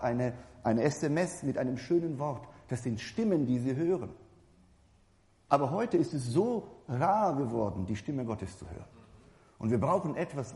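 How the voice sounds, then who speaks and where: A man's voice: medium pitch, mellow. A man preaching a sermon in a conversational way, talking directly to the congregation and often restarting and correcting his words. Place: church hall. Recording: reverberant hall.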